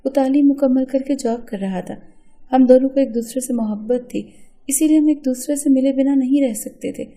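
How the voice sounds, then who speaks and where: A woman's voice: high voice, warm tone. A woman narrating an emotional first-person story in an earnest storytelling manner.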